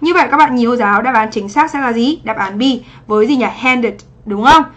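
A woman's voice: a little high, quick pace. A woman teacher running a livestream exam review, greeting viewers by name and checking after each point whether they follow. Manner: chatty, asks for confirmation after each point. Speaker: English teacher.

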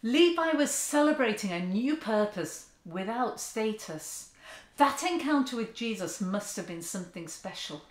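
Seated on a sofa in an echoey living room, an earnest woman in her fifties, a church speaker, delivers a sermon to the camera. Her voice sits on the high side and moves a little slowly, rising and falling in wide, lively swings. She is expressive and gestures with open hands as she talks.

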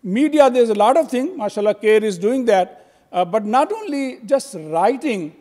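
Standing at a podium mic in a convention hall with long reverb, an older convention speaker delivers a talk in a very high-pitched, dark-toned voice. He's animated and speaks at normal speed, but hesitantly, gesturing and filling his speech with fillers and restarts.

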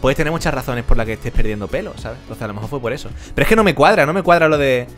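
A man's voice: medium pitch, expressive, rapid-fire, fairly bright tone, soft background music. A man from chatting casually while reacting to a video on a live stream, with frequent "tío" and "¿sabes?".

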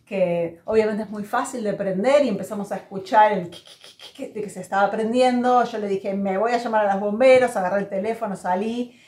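A woman's voice: mid-range voice, moderate pace, a little mellow. A woman hosting a podcast, chatting earnestly and telling a story from her home. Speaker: podcast host. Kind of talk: casual podcast chat. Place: room at home. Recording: echoey room at home.

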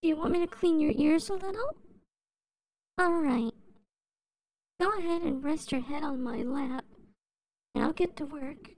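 High, slow little-sister ASMR by a woman, ASMR role-play. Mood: gentle, soothing. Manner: soft, soothing, unhurried. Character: gentle, caring little sister. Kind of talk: ASMR role-play, soft ear cleaning ASMR.

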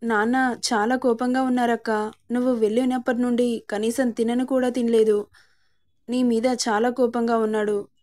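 A worried, caring younger brother in a spoken story, as a woman narrator puts him on. He is earnest and reassuring. The voice stays warm and fairly high, like the reader's own. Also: level tone, moderate pace, natural voice.

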